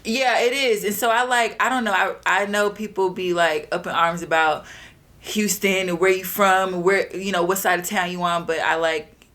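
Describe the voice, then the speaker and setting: Young woman as interview guest. Her voice sits a little low. She talks in a chatty, expressive way, packed with fillers. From Texas. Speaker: guest, actress and writer. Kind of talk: casual interview chat.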